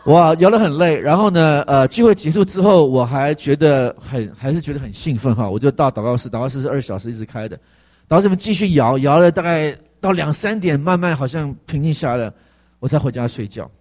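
A male pastor giving a conversational testimony sermon, animated and full of fillers. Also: a little high, fast.

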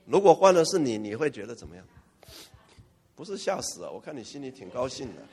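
A male pastor preaching a lively, humorous sermon and firing questions at his congregation. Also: mid-range voice, quick pace. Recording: long church-hall reverb.

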